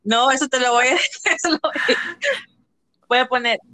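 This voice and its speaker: A woman's voice: sits high, moderate pace, sharp tone, dry recording. A young woman, co-hosting a casual podcast chat in a blunt, teasing way. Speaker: podcast co-host.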